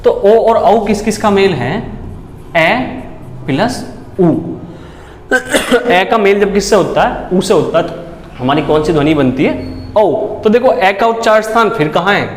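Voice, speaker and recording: A man's voice: high-pitched, animated, normal speed. A male teacher giving a whiteboard grammar lesson, repeating himself and quizzing his students with rhetorical questions. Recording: echoey room with faint background noise.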